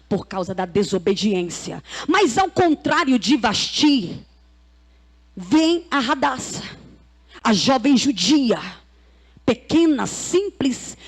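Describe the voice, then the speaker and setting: Lady preacher, super high voice, loud and emphatic, shouts the big lines. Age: adult, mother of boys. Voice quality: loud, self-described noisy voice. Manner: emphatic, building to shouted exhortation. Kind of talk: sermon.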